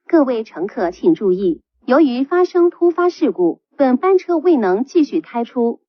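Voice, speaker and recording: A woman reading calm, formal bus announcements played over a PA system. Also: high-pitched, normal speed, dry recording. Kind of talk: scripted public announcement. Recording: dull lo-fi PA playback.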